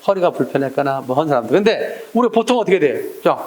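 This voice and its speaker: A man's voice: on the high side, big pitch swings, fast, darkish tone, echoey room. A man teaching an exam-prep lecture, often asking his students questions and acting out short quoted exchanges. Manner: questioning, acts out little scenes with quoted voices. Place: lecture room.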